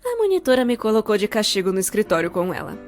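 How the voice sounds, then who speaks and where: Over background music, a Brazilian-accented woman delivers scripted comedic narration for an animated story at a quick pace. Her mid-range voice is expressive, with a playfully sarcastic edge.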